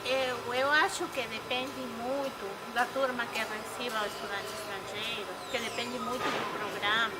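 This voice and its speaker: Spanish-speaking woman talking over loud noise. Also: fairly high pitch. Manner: Spanish-tinged Portuguese with tag questions. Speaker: foreign graduate student. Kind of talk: interview testimony.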